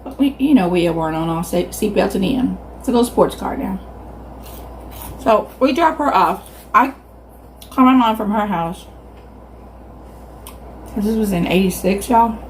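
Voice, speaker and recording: A woman's voice: mid-range voice, unhurried, long pauses. Southern woman chatting while chewing, noisy background. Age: 50s. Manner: animated, acts out quoted reactions. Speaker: mukbang video host. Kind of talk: casual storytelling to viewers.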